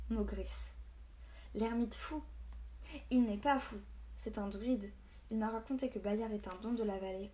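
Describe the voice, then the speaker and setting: A woman's voice: medium pitch, dark tone, close to an everyday voice. A woman voicing a defiant, earnest village boy in a storybook reading.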